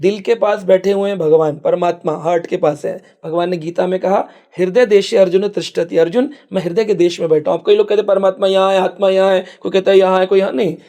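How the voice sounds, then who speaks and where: Man, spiritual podcast guest; high pitch, gravelly, storytelling tone. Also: fairly even intonation, fast, hardly any pauses, warm tone. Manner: storytelling, mixing English phrases. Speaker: spiritual speaker. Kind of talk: podcast conversation.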